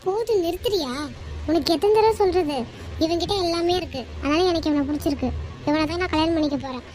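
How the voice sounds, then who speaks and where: A high, light voice of a young woman in a homemade cartoon, cold and firm as she ends things, played by a performer. She speaks curtly and decisively, with a faint hiss in the background. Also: fast, darkish tone, poor audio. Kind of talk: amateur cartoon voice acting.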